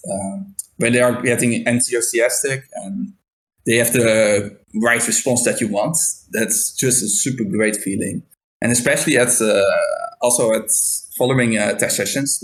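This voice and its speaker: A man's voice: medium pitch, poor audio. Young Dutch man, thoughtful and hesitant. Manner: thoughtful, hesitant with many fillers. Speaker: game programmer. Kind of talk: casual interview answers.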